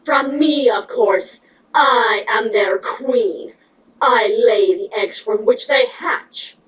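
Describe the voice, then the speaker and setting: A woman's voice: a little high, slow. Woman as distant, muffled changeling queen Chrysalis. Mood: proud, guarded. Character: Chrysalis, proud wary female insect-like changeling queen. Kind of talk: character reading of fan fiction. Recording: dull distant mic, noisy background.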